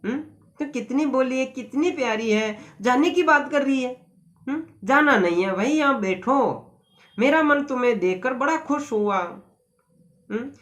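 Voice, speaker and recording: A teacher voicing a rich older man who owns a garden, speaking in a gentle, coaxing way during a story lesson. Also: high-pitched, expressive, a little slow.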